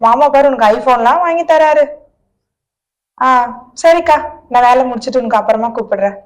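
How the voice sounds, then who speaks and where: A young woman acting in a comedy sketch, lively and sometimes sharply scolding. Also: a little high, moderate pace. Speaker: comic sketch actor. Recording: echoey room.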